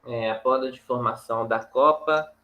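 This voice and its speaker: A man teaching a farming course over slides, talking in a halting way with many fillers and tag questions. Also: medium pitch, sharp tone, poor audio. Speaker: agronomy instructor.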